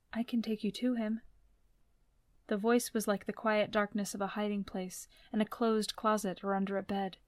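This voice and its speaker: A woman giving soft, gentle, unhurried storybook narration. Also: mid-range voice, no echo.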